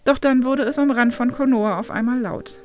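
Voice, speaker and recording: A woman's voice: high voice, a little fast, soft background music. Woman reading a story aloud. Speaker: narrator. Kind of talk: reading fan fiction aloud.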